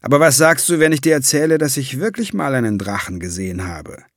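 A man reading an audiobook and voicing a calm young adventurer in a quiet, understated way. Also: mid-range voice, brisk, no room sound, clean studio sound, lightly acted.

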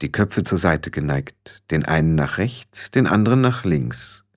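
Ein Mann liest ein Hörbuch lebhaft und ausdrucksvoll vor. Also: male voice, low-pitched, lively intonation, a little slow, no room sound, studio quality. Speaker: audiobook narrator. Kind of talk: scripted narration.

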